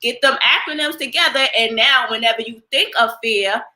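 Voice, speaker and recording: Bright, high-voiced woman urging on listeners. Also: moderate pace. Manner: energetic, encouraging, preacher-like urging. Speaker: podcast co-host. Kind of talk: casual motivational chat.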